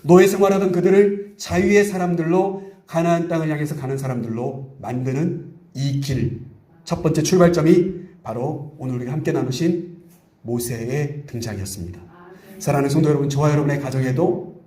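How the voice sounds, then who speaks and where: Korean pastor preaching in an echoey church. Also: male voice, a little high, moderate pace. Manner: animated storytelling, acts out quoted voices. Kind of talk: sermon. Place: church sanctuary.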